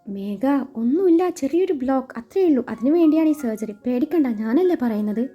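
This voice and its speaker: A woman voicing a calm young man, a doctor, who talks reassuringly in a read-aloud story. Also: high voice, brisk. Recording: muffled recording with soft music.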